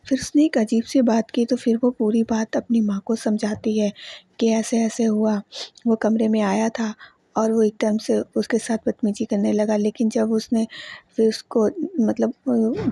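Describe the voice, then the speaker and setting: A woman's voice: on the high side, gravelly, dark tone, breathy edge, dry recording. A young woman hosting her own channel, casually retelling a TV serial episode by quoting each character's lines in turn. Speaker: YouTube channel host recapping TV serial episodes. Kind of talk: casual spoken recap in Hindi.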